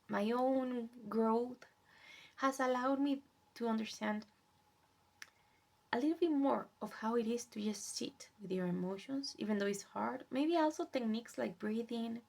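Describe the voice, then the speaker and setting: A young woman whose first language is Spanish, talking in a soft, gentle, reflective way in a casual self-care vlog, sometimes dropping to a whisper. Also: a little high, a little slow, vocal fry. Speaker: vlogger.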